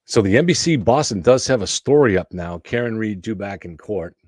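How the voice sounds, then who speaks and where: Low-voiced man, dry close-up sound. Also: animated, moderate pace, a little mellow, dry recording. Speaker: commentator hosting an online show. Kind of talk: casual live commentary on news clips.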